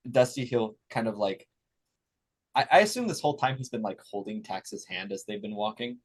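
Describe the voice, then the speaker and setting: A man's voice: lowish voice, expressive, moderate pace, slightly rough. A man playing a tabletop game, easygoing, laughing often and repeating words as he describes his character. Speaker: player. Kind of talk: tabletop role-play chat.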